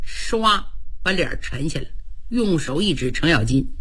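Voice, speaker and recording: A woman narrating a traditional story in an animated, dramatic way. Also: sits low, a little slow, breathy edge.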